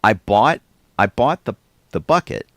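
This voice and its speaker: A man's voice: lowish voice, animated, measured pace, fairly bright tone, no echo. A man co-hosting a podcast, chatting casually and telling rambling stories with small chuckles. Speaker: podcast co-host. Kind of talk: casual chat.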